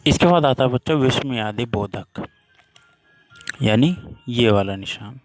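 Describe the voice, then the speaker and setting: A man's voice: mid-range voice, lively intonation, unhurried, no room sound, soft background music. A man teaching a worksheet lesson to children, patiently explaining with repeated examples.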